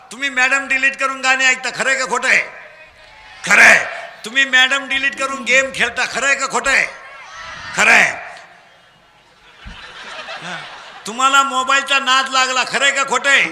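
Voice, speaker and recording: A man with a Khandeshi Marathi accent preaching a humorous kirtan sermon, teasing and drilling children in call-and-response and shouting prompts at them. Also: very high-pitched, normal speed, pauses often, in a large hall, slight background noise.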